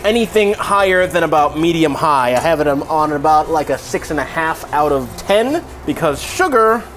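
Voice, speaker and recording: A slightly high, fairly bright voice with lively intonation belongs to a tipsy cooking video host speaking at normal speed. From his home kitchen he keeps things jokey, using mock-formal wording and dry asides. The pan sizzles and kitchen sounds fill the background.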